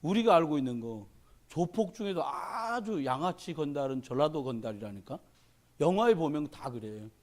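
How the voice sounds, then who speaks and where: Lively high-voiced male preacher. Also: normal speed. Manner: animated storyteller who acts out quoted voices; folksy and humorous. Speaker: pastor. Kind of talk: sermon.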